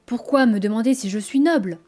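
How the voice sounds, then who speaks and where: A woman reading aloud voices a dignified young man courting a noblewoman, speaking gravely and earnestly with gentle emphasis. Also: fairly high pitch, fairly quick, lightly acted. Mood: grave, tender.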